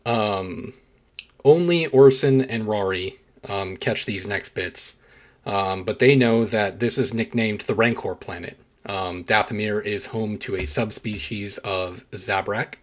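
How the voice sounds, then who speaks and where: A man narrating a tabletop role-playing game as game master. His voice sits fairly low, and he stops often on hesitant fillers while describing the scene. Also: unhurried. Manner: frequent hesitant "um"s.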